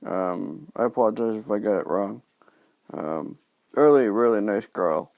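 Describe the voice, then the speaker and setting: A man with a very creaky, fry-heavy voice speaks slowly into a dry, close recording. His delivery is halting and subdued, like a casual video diary, with words slightly hampered by a sore, post-surgery mouth and new dentures. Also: fairly low pitch, expressive, darkish tone, dry recording. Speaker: vlogger sharing recovery from dental surgery.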